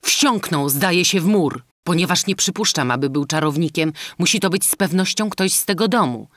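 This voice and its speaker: A boisterous army captain speaking with loud emphasis, as a male narrator puts him on. His voice sits higher and louder than the narration. The recording is close and dry. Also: moderate pace, dry recording. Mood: exasperated.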